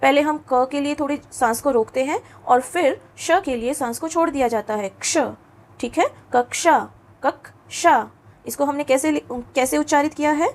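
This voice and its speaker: A woman teacher giving a lesson to schoolchildren, patient and coaxing, often asking them questions, dropping English words into her talk and slowing down to pronounce letters and words clearly. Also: sits high. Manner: mixes English words into Hindi. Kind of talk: classroom lesson for children.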